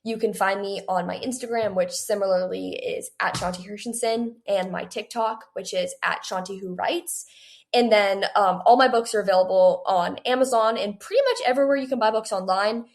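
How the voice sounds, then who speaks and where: Speaking at a normal speed in a medium-pitched voice, this eighteen-year-old guest author chats her way through interview questions. Her manner is conversational, and "like" pops up constantly in her answers as a young adult writer.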